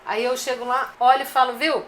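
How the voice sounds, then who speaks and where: A woman talks restaurant owners through practical advice in a direct, coaching way, addressing them like friends. Her voice sits a little high. A faint noise runs under the recording. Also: moderate pace, fairly bright tone. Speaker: restaurant business consultant. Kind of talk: live-streamed business advice talk.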